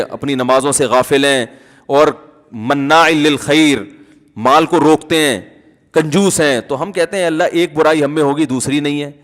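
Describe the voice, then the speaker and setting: A man's voice: on the high side, fairly bright tone. A male religious scholar giving a conversational sermon, with humor and asides. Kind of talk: Urdu sermon. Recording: long hall reverb.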